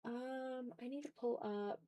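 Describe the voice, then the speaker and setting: Here the streamer's voice sits on the higher side, warm and a little slow, captured dry with clean studio sound. She's an ASMR YouTuber and art streamer casually rambling to her livestream chat as she draws.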